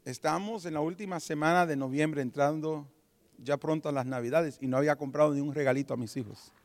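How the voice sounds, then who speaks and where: A man preaching from the pulpit, telling his own testimony with animated storytelling. His voice sits somewhat high. He slips into the voices of the people in his story as he tells it. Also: brisk. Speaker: pastor. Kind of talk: sermon testimony.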